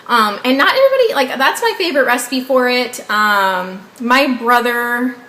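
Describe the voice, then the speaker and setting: Speaking in a sharp, medium-pitched voice, a twenty-something woman from the Southern US talks casually to her viewers as a beauty vlogger. She has a Southern accent, English is her second language, and she rambles happily, frequently asking the audience to guess. It's recorded in an echoey room with light background noise.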